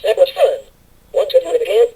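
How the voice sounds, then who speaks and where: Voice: sing-song, fairly quick, over loud music. Synthetic voice of a bitcrushed chirpy toy robot. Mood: peppy. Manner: sing-song, wildly swooping pitch, robotic. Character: cheerful male toy robot, peppy and chirpy. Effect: bitcrushed, lo-fi digital toy speaker voice. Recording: noisy, distant toy speaker.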